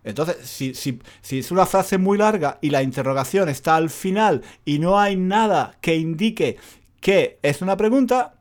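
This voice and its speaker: Animated man teaching. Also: high voice, moderate pace. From Spain. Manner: animated, repeats phrases, self-mocking jokes. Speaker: Spanish teacher. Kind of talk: casual spoken lesson.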